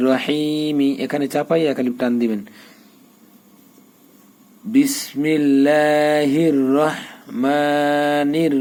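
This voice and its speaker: A man's voice: medium pitch, mellow. Man teaching Quran spelling. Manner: drills letters and vowel marks, then chants the verse slowly. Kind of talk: spelling lesson in Quran recitation.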